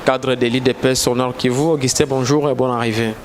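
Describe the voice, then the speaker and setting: A male reporter asks his questions formally in a live interview outdoors. He hesitates with fillers, at a pitch in the middle for a man, with faint street noise behind him. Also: fairly even intonation, brisk. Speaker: journalist.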